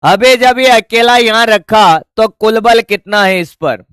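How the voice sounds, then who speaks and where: A man's voice: high voice, a little slow, a bit bright, clear, resonant tone, dry recording, clean studio sound. A man teaching a physics lesson. He repeats his own questions and answers them himself, and he addresses the students casually.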